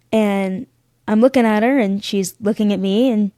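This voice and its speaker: A woman's voice: mid-range voice, measured pace, dry recording. A woman tells stories with sass and energy, acting out the people she met along the way. Her voice sits in a middle range. The sound is dry and close, with no room around it. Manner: animated, sassy, acts out voices in her stories. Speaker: podcast guest. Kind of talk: casual storytelling chat.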